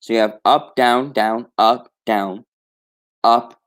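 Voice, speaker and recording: A man's voice: medium pitch, fairly even intonation, slow pace, clear, resonant tone. A man streaming alone, retelling a story in a rambling casual way with many restarts and self-corrections. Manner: casual, swears offhandedly.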